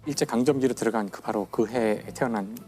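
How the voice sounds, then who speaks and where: An enthusiastic man in his fifties tells a story like a lecture, slowing down for the dramatic moments. His pitch sits in the middle for a man. Faint music plays under the studio talk. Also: a little mellow. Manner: enthusiastic, slows down for dramatic emphasis. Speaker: physics professor guest speaker.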